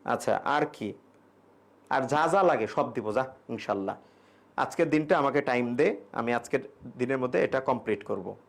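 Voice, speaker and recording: A man's voice: medium pitch, lively intonation, moderate pace, creaky. A young man teaching an English grammar class, explaining casually in Bengali with English examples and answering students' questions. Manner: reads student questions aloud and answers them. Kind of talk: online exam-prep grammar class.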